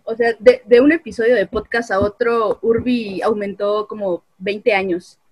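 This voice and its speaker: A woman's voice: mid-range voice, fairly even intonation, normal speed. A woman, co-hosting a podcast in casual chat. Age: 20s. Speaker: podcast co-host. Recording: dull lo-fi call audio.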